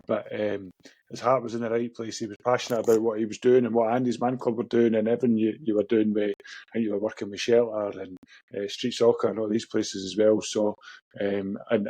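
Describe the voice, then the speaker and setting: Scottish bloke hosting a podcast, matey and chatty, soft mellow lowish voice, bit rough. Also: male voice, no echo. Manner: informal, matey. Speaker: podcast host. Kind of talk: casual chat, interviewing.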